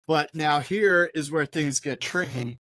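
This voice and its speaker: In studio-quality audio with no echo, a man with a slightly high, somewhat bright voice speaks at a measured pace. He co-hosts a casual podcast from the record shop he owns, ranting and swearing with energy.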